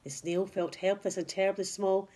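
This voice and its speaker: Reading a rhyming picture book to children the way a teacher might, a woman speaks at a moderate pace in a warm, steady, mid-range voice. Her phrasing is emphatic and dramatic, making the rhymes expressive.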